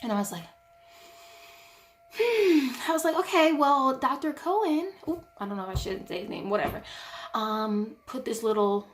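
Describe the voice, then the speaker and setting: A woman's voice: medium pitch, lively intonation, fast talker, a little hiss or hum. A young adult woman venting to camera in a casual vlog, telling a frustrating story in an exasperated way and filling her talk with "like". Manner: heavy use of "like" as filler. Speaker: vlogger.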